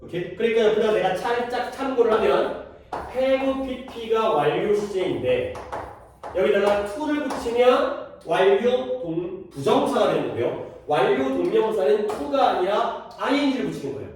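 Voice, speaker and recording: A man's voice: high voice, very animated, normal speed, a little mellow, slight background noise. A male teacher giving a classroom grammar lesson, quizzing his students and repeating key terms. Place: classroom at a cram school. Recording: echoey classroom, voice from far off.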